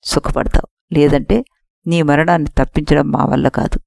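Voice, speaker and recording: A woman voicing an angry elder nobleman who scolds a tyrant king in a forceful manner, in an audiobook story. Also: deep voice, fairly even intonation, normal speed, vocal fry, dry recording, clean studio sound. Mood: warning.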